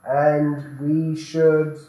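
A man's voice: fairly high pitch, little pitch movement, warm tone, far from the mic. Inquisitive man, off-mic in an echoey room. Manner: inquisitive, leads with quick questions. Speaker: interviewer. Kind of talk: casual conversation.

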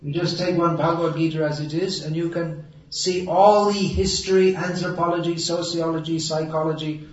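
Brief: man preacher with a slightly high voice, wry and emphatic, distant mic in a roomy hall, dull sound. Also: steady tone, normal speed, few pauses. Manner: sarcastic and wry, then earnest and emphatic. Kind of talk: sermon.

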